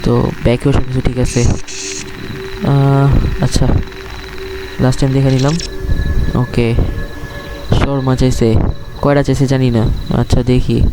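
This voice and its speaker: A man's voice: medium pitch, little pitch movement, moderate pace, long pauses, music in the background, poor audio. A man with a Bangladeshi accent giving casual horror game commentary to viewers, talking as a scared, jittery streamer who reacts and questions as he plays. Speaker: gaming streamer.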